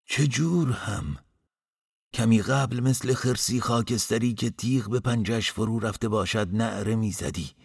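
A man voicing a loud, bullying, heavyset male innkeeper who scolds in a raised voice. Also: low-pitched, steady tone, vocal fry, slightly rough, big-room sound, full character voice. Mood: scolding.

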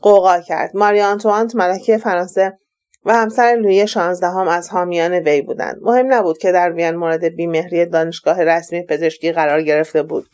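A woman narrating an audiobook in a steady, even reading voice. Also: on the low side, clean tone. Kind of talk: scripted narration.

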